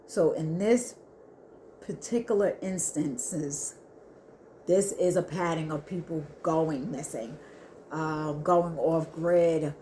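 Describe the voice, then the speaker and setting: A woman giving an earnest spiritual reading to her viewers, talking haltingly with many restarts. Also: low-pitched, mellow, slight background noise. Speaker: spiritual reader. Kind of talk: intuitive spiritual reading to camera.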